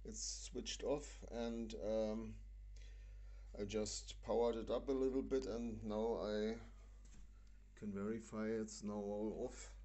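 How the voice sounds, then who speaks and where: Slow, hesitant man with dark voice. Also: lowish voice. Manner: hesitant, many fillers. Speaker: video host. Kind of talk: casual product demo. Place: indoors at a home stove.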